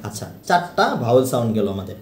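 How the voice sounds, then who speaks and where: Lively man teaching pronunciation in an echoey room. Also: medium pitch. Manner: repeats example words slowly, asks questions. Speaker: English teacher. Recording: echoey room with faint noise.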